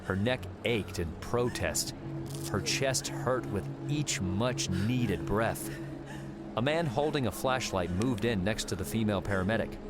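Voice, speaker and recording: A man with a lowish voice narrates an audiobook a little slowly, telling the story in a dramatic, scripted style. Music plays beneath his voice.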